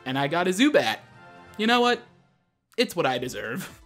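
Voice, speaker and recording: This gaming show host talks at a moderate pace in a fairly high, fairly bright voice with big swings in pitch. Over video game music, he gives casual, chatty commentary on the gameplay and regularly jokes at his own expense.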